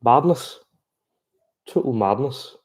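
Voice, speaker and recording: Man, live match reaction, chatty and excitable, mellow dark voice. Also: medium pitch, takes it slowly, slightly rough. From Ireland. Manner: excitable, chatty, bursts of exclamation. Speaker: sports reaction streamer.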